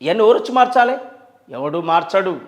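Brisk and animated, a high-pitched male voice carries a Telangana Telugu accent. He's a guest in an interview, speaking emphatically and passionately, firing off rhetorical questions and long lists.

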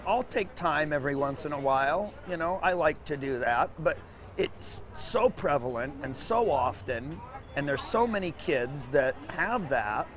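A man's voice: a little high, lively intonation, unhurried, fairly bright tone, a little hiss or hum. A man who works as an educator, speaking thoughtfully.

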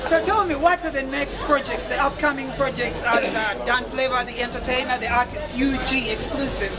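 High-voiced man, red carpet host. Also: normal speed, loud music behind the voice, a loud crowd. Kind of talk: red carpet hosting, interviewing guests. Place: crowded club entrance red carpet. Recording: very noisy, echoey crowded venue, distant mic.

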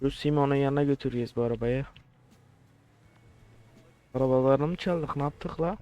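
A man's voice: mid-range voice, normal speed, dark tone. A man giving crude, joking let's play commentary, swearing often and sounding baffled by what he plays. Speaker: gamer.

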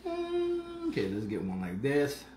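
Over the noise of a crowd, a fifties-aged man runs a relaxed live cooking show from his own kitchen, speaking a little slowly in a mid-range voice. Playful and lively, he hums with pleasure while tasting his food. His phone camera sits on the counter, and the kitchen echoes.

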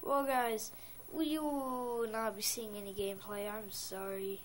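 A woman's voice: medium pitch, steady tone, measured pace, slight background noise. Young woman ranting with heavy swearing. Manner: swears constantly, frustrated ranting. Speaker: gaming vlogger. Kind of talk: casual gaming vlog. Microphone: phone mic.

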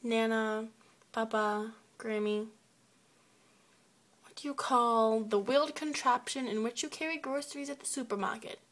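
A teenage girl talks through a casual word list. Her voice sits a little high, and she takes her time, saying each word on its own. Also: fairly even intonation, fairly bright tone. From United States. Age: teens. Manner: unhurried, reads words one by one. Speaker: video blogger.

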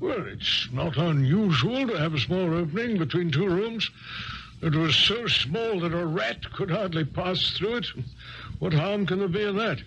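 An actor playing an earnest, slightly blustery gentleman doctor, a loyal companion who also narrates a 1970s radio drama. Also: high-pitched, expressive, a little slow, dull audio, slight background noise, full character voice. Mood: puzzled, eager.

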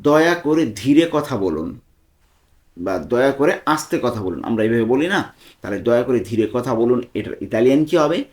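A young man leads a lesson phrase by phrase, pausing to break each line down word by word. His pitch sits in an ordinary middle range. He speaks at a notably unhurried, measured pace. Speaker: language tutor.

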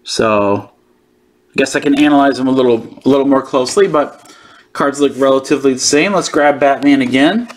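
Male host for hobby unboxing video, medium pitch, informal chatty delivery, talks through thoughts as they come. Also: fairly quick. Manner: informal, thinking aloud. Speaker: host of a sports card channel. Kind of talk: casual unboxing commentary.

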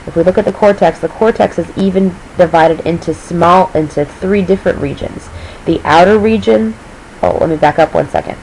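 Low-voiced woman teacher, losing her voice. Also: normal speed, darkish tone, slight background noise, poor audio. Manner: explanatory, checks in with "okay?". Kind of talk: recorded lecture review.

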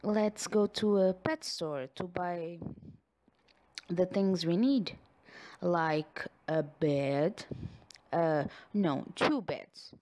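A slight hiss or hum sits under this fairly low, somewhat mellow woman's voice. She's a non-native English speaker doing a sweet ASMR girlfriend roleplay aimed right at the listener, speaking slowly and warmly while sighing and giggling often.

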